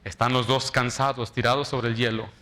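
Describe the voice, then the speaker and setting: A man preaching a sermon in church as pastor, shifting from loud dramatic quotes to soft, quiet appeals. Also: mid-range voice, level tone, a little fast.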